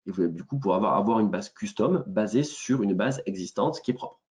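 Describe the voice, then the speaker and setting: A man with a southern French accent presenting a software demo in a webinar, talking hesitantly with many fillers and restarts. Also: on the low side, lively intonation, a little fast.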